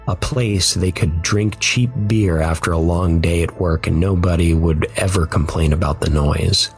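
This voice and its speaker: A man giving measured, somber scripted narration of a dark first-person story. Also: low voice.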